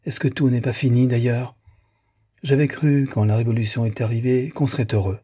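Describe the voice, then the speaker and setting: A man's voice: medium pitch, level tone, moderate pace, warm tone, slightly rough, natural voice. A man voicing a distraught, earnest young male idealist who pleads in a plaintive, doleful way.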